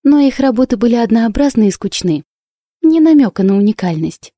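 Audiobook: woman voicing a bold girl artist, bright and teasing, higher than her own warm voice, dry sound. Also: fairly quick, no room sound. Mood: earnest. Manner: excited, exclaiming, teasing. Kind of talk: audiobook reading.

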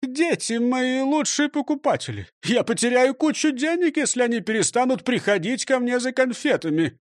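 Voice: medium pitch, big pitch swings, normal speed, no room sound, studio quality, pitched above the performer's own voice, close to an everyday voice. A reader voicing a plump, self-important male candy shop owner who boasts and then whimpers and pleads, in an audiobook reading. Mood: pleading.

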